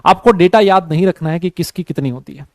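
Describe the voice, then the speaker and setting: A man teaching a chemistry class online. He talks slowly and easily, mixes Hindi with English terms and keeps quizzing his students. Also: high voice, dry recording. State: has a headache.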